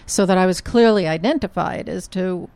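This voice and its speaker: Animated middle-aged woman telling a story. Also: on the low side, normal speed, clean tone, no room sound. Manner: animated storyteller, quotes people in her own voice. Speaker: guest recounting canvassing. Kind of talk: casual conversation, storytelling.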